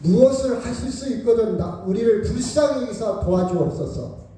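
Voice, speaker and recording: A middle-aged male pastor preaching with a lively, high-pitched voice that leaps up and drops to a hush. His tone is dark and mellow despite the pitch, and he often turns to the congregation to ask for agreement. The sound comes from a distance and rings through a very echoey church. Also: normal speed, a little hiss or hum. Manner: animated, swings between loud exclamations and hushed asides; addresses the congregation directly, often asking for agreement. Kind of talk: sermon. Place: church sanctuary. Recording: very echoey church hall, mic far off.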